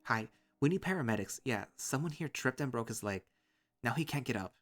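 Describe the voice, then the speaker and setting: A man reading a visual novel, voicing a calm young man who speaks briskly and matter-of-factly. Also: medium pitch, soft background music, voice pushed up, close to an everyday voice.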